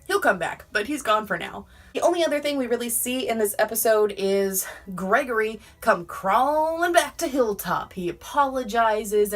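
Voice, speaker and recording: Woman, casual TV recap vlogger, upbeat, laughs a lot, mid-pitched voice. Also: fairly bright tone. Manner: enthusiastic, laughs often, quotes characters in passing. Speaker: YouTube TV reviewer.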